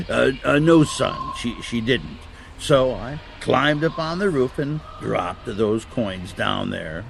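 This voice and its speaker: A man playing a jolly, fatherly old Santa Claus who gently tells stories to children in an audio drama. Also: medium pitch, animated, slow pace, vocal fry, background noise. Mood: amused, kindly. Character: jolly old Santa Claus, once Saint Nicholas the bishop. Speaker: storyteller to children.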